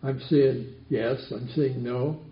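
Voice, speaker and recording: A man's voice: mid-range voice, steady tone, slow pace. A man teaching a Bible study class, asking the group questions and repeating their answers back. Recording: roomy, dull lo-fi recording.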